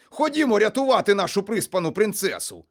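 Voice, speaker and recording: A man voicing an excitable, teasing male inventor in a storybook, boisterous and proud of his gadget. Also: high voice, a little fast, pitched above the performer's own voice, full character voice. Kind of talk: storybook character voice.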